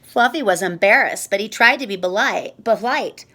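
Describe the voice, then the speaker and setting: A woman reading a children's picture book aloud, slow and expressive. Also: medium pitch. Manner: slow, expressive, sing-song. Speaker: storyteller.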